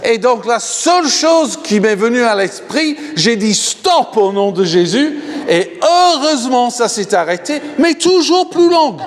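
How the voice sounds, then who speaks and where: English-accented guy preaching at a healing night, slow, laughs a lot, big church reverb. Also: extremely high pitch, sing-song. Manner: jokey, laughs often, asks the crowd for raised hands. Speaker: guest healing minister. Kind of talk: animated healing-service preaching. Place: large church hall. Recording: long hall reverb.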